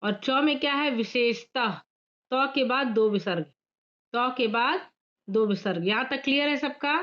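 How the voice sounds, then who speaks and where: A woman teacher giving a grammar lesson to pupils, repeating key points slowly and addressing the class directly. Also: on the high side, fairly bright tone, lo-fi sound. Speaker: school teacher.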